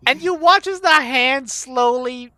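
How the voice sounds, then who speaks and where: A woman's voice: high voice, unhurried, sharp tone. A woman narrating as dungeon master, chatty and loose, with frequent laughs and fillers. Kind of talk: narrating a tabletop game.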